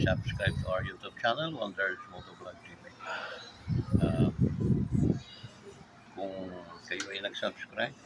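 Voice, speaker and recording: Man, vlog host, rather low voice, a bit hoarse, rambling jokey chat. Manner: joking, rambling, tags phrases with 'no?'. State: a bit hoarse after a recent illness. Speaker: motovlogger host. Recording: vlog with loud background noise.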